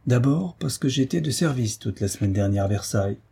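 A man's voice: medium pitch, lively intonation, a little fast, creaky, dark tone, slightly rough, full character voice. A man voicing a grave, worried young cavalry officer who speaks in a subdued way, in a read-aloud historical novel.

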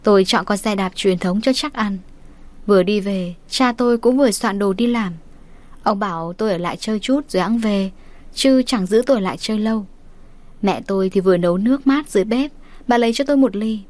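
A woman's voice: medium pitch, brisk, a little mellow. A woman reading a first-person story, wry and chatty in tone. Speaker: story narrator.

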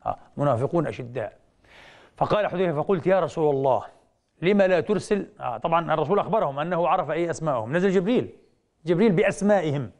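A man giving a televised religious lecture, telling stories with rhetorical questions and slowing down to quote traditions. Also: on the high side. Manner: animated storytelling, slows down to quote hadith; asks rhetorical questions with drawn-out "eh".

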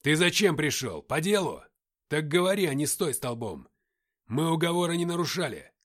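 A man voicing a brash, powerful man in an audiobook, speaking loudly, bluntly and with mockery. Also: mid-range voice, big pitch swings, normal speed, close to an everyday voice. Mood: barking. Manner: loud, barking, blunt. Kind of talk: audiobook character voice.

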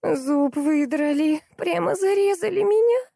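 A woman voicing a tearful young market saleswoman who whines and snaps in a shrill voice. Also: fairly quick, dark tone, dry recording, clean studio sound, close to an everyday voice. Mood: whining. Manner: shrill, whining and snappish.

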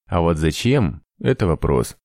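A man voicing a sly male elder in an audiobook, drawing out his words slowly. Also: deep voice, sing-song, a little mellow, no room sound, studio quality, heavily acted. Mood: knowing. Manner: drawn-out slow speech.

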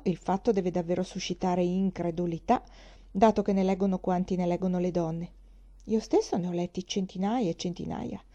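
A woman reading the part of a witty young gentleman who teases playfully and ironically. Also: lowish voice, lightly acted.

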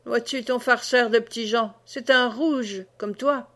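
A woman performs a drunk, boastful old peasant man, blustering oaths and hiccuping in a voice slightly lower and slower than her own. Her tone stays steady and a bit bright.

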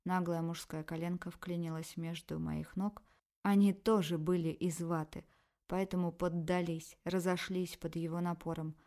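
A woman reading a first-person erotic novel aloud in an expressive, emotional way. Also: lowish voice, moderate pace. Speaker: audiobook narrator.

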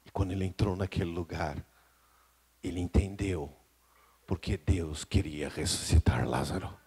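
Emphatic Brazilian pastor preaching. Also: male voice, low voice, normal speed, breathy edge. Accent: Brazilian Portuguese. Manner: emphatic preaching that swings between hushed and loud, calling out to the congregation. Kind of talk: live sermon.

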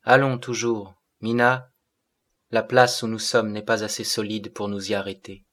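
Man reading a calm fatherly teen in an audiobook, steady and reassuring, kinda low. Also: moderate pace, natural voice. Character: calm adolescent being, gentle and fatherly.

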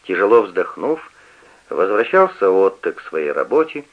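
A man narrating a story in an expressive, measured reading, on a dull lo-fi radio recording. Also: low-pitched. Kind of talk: scripted audiobook narration.

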